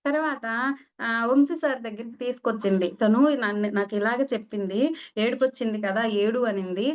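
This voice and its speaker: A woman with a somewhat high voice leads a spiritual talk as a meditation teacher. She speaks conversationally and slips into short acted exchanges. The recording sounds dull and lo-fi. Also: a little fast. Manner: conversational, acts out little dialogues.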